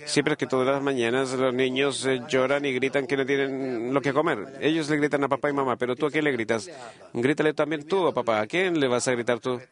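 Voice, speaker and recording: Man, voice-over of a conversation, earnest, halting, frequent fillers. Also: mid-range voice, steady tone.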